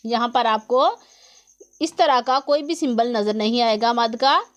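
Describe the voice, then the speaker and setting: Patiently explaining every letter and its duration, a woman teaches Quran recitation rules in a slow, step-by-step tajweed lesson. Her voice is a little high and her pace measured, and the close-miked audio sounds dull.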